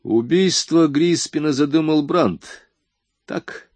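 A man's voice: a little high, slow pace, darkish tone, husky, dry recording, voice pushed up, exaggerated voice. Man playing a curt, commanding tough guy. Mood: tense. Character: hardened young man turned tough, commanding. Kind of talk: audiobook dialogue.

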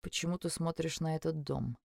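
A woman's voice: a little fast, creaky, darkish tone, no room sound, studio quality. A woman voicing an angry young man who speaks curtly and hisses his words in an audiobook. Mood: stern. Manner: low, hissing and curt.

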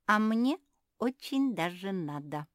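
A woman's voice: medium pitch, expressive, takes it slowly, no room sound, studio quality, voice pushed up. A woman voicing a bold, cheeky young female pug who speaks matter-of-factly.

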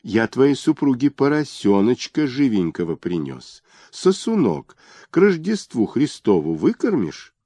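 A man voicing a fawning, bankrupt male merchant who pleads in a high nasal whine. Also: very animated, measured pace, dark tone, dry recording, studio quality. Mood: pleading. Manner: groveling, wheedling.

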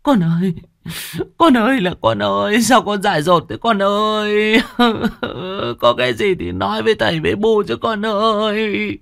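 A man voicing a heartbroken village mother who wails in a shrill falsetto lament. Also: measured pace, creaky, fairly bright tone, no echo, studio quality, full character voice. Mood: wailing. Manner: sobbing lament.

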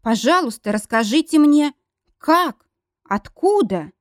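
A woman's voice: high voice, animated, slow, no room sound, studio quality, voice pushed up. A woman voicing an overjoyed man who sobs with happiness. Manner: sobbing, breathless with joy.

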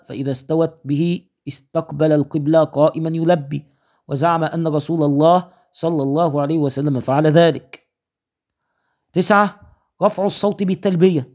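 A man whose voice sits on the high side and sounds a little mellow teaches Islamic jurisprudence. He reads a fiqh text aloud, counts off points in order and cites his sources.

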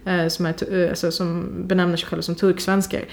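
A woman's voice: lowish voice, flat delivery. A young woman co-hosting a podcast, speaking thoughtfully and searching for words with many fillers. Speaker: podcast co-host. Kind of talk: casual discussion.

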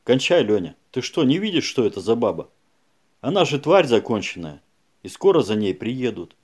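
A man's voice: mid-range voice, sing-song, moderate pace, husky. A man playing a tough, aggressive male detective who barks and mocks in an audiobook. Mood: scornful. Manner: shouting, bullying, scornful.

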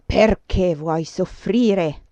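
A woman's voice: fairly high pitch, very animated, measured pace, creaky, dark tone, dry recording, full character voice. A woman reading aloud, voicing a deranged male cocaine addict who murmurs, coaxes and threatens. The recording sounds dull and dry. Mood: coaxing, menacing.

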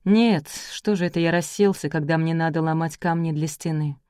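A woman reading aloud, voicing a quiet, weary farmer who speaks plainly. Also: low voice, fairly even intonation, moderate pace, clean tone, dry recording, clean studio sound, close to an everyday voice.

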